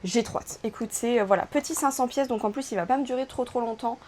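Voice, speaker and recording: A woman's voice: fairly high pitch, fast talker, a little mellow, a little hiss or hum. A young French woman chatting enthusiastically in a casual vlog about puzzles. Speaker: puzzle YouTuber.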